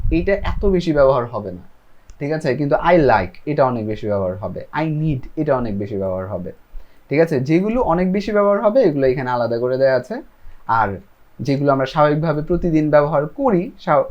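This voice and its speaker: A man teaching a casual English lesson, explaining patiently, often checking in with the listener and reading example sentences very slowly. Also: fairly high pitch, a little mellow, highs cut off. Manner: explains patiently, often asks "ঠিক আছে?". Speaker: teacher sharing his English learning.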